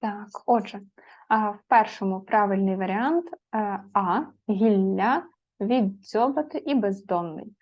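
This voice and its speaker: A woman teacher explaining spelling rules to students, patient and methodical, pausing on fillers and spelling out letters. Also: medium pitch. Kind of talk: spoken grammar lesson. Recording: slightly dull lo-fi audio.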